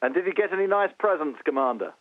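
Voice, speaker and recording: A man's voice: a little high, animated, dry recording. Man asking questions over a tinny radio link. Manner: polite, measured questioning. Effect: narrow radio link. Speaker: radio interviewer. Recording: tinny phone-like link, dry.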